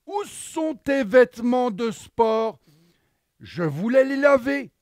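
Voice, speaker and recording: A man puts on a sly storybook mother, sweet and mock-innocent. The voice is high, unhurried and lilting. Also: expressive, darkish tone, dry recording, clean studio sound, exaggerated voice. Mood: asking. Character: sly mother, sweetly feigning forgetfulness to teach daughter.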